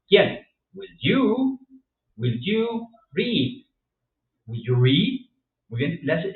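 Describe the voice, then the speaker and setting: A man leads a grammar lesson with a bouncy, animated delivery, constantly checking whether his students follow. His voice sits a bit high for a man. He sounds distant in an echoing room, squeezed through a narrow, phone-like band. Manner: lively, repeats and checks with "ok?". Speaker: English teacher.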